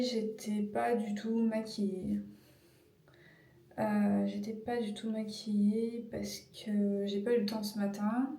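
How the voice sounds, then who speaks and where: Flat-voiced woman in her thirties. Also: medium pitch. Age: 30s. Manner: hesitant, many fillers, searches for words. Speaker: beauty vlogger. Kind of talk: casual skincare tutorial. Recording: echoey room, mic at a distance, music behind.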